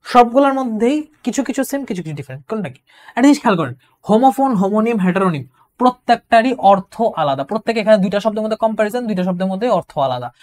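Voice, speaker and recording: A woman gives an exam-prep English lecture, explaining patiently, repeating key points and reading example sentences slowly. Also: medium pitch, animated, darkish tone. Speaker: English tutor.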